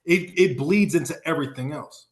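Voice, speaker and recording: A man's voice: on the high side, fairly quick. Emphatic motivational man, echoey room. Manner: emphatic, repeats key phrases for punch. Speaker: sales coach and Marine. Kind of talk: motivational talk. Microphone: video call.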